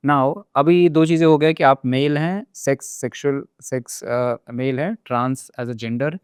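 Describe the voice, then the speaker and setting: A man's voice: mid-range voice, fairly even intonation, takes it slowly, smooth, no echo, studio quality. A man hosting a podcast who thinks aloud, sums up what he hears and checks whether he has understood it. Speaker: podcast host. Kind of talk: casual podcast interview.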